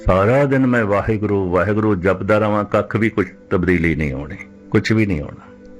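Older man preaching slowly, low voice. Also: faint music behind. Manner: measured, repetitive phrasing, slows to recite scripture. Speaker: Sikh preacher giving katha. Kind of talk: religious discourse, katha.

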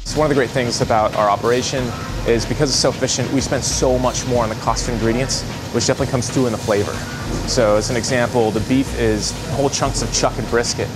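A man's voice: medium pitch, steady tone, fast, over music. A man in his thirties being interviewed in his restaurant, explaining his product with enthusiasm. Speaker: restaurant founder. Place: restaurant with open kitchen.

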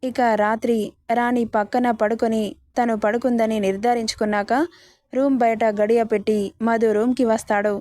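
A woman's voice: fairly high pitch, flat delivery, normal speed, warm tone, no echo, studio quality. A woman narrating a dramatic story and reading all the characters' lines in her own voice.

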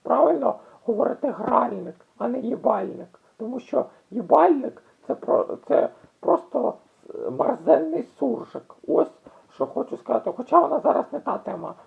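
Slow, gravelly woman on a tinny line. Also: high voice. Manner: halting, with many restarts and drawn-out fillers. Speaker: language explainer. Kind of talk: casual explainer video. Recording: tinny phone-like audio.

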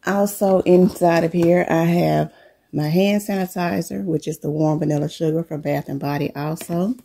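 In her living room, a middle-aged vlogger who is coming down with a cold shows viewers what's in her bag during a relaxed, unhurried show-and-tell chat. Her voice is fairly low, gravelly, and slightly rough.

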